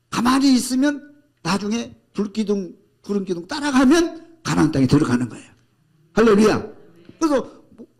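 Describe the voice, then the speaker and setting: A male pastor preaching a sermon with emphatic delivery, shouting out scripture commands and acting out grumbling people. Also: sits high, vocal fry.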